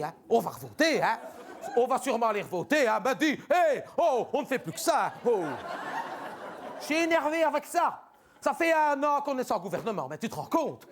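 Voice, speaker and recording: A man's voice: extremely high pitch, background noise, full character voice. A man playing a fretful, chatty middle-aged housewife and mother in a comic stage monologue, rambling and grumbling over and over. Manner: rambling, repetitive, exasperated grumbling.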